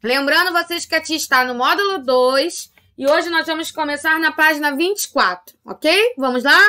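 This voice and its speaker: A woman's voice: high voice, sharp tone. A woman with a Brazilian Portuguese accent teaching a grade-school class in a recorded remote lesson, speaking patiently and checking in often with her pupils. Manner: slow, patient teacher talk with frequent "tá?" check-ins.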